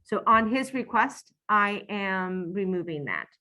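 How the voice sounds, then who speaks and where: A woman chairs a board meeting over a computer mic on a video call. Her voice sits in a middle pitch. She stops and restarts often, filling the gaps with ums. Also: animated, pushed and bright, rough recording. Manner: halting, with many ums and self-corrections.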